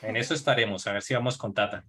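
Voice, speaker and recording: A man's voice: lowish voice, rapid-fire, pushed and bright, slight background noise. A man chatting casually and informally as a remote participant at a symposium. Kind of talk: casual farewell chat.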